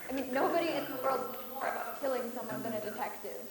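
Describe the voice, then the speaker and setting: A woman playing a skeptical, sharp-tongued detective in a comic stage play. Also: high-pitched, fast, a crowd in the background, lightly acted. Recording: very echoey hall with faint hiss.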